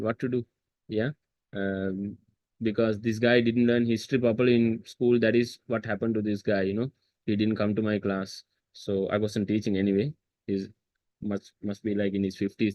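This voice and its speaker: A man with a medium-pitched voice teaches a history seminar over a video call, recorded on a computer mic with no room sound. He repeats key terms and quizzes his students, slipping in chatty asides during the online lesson.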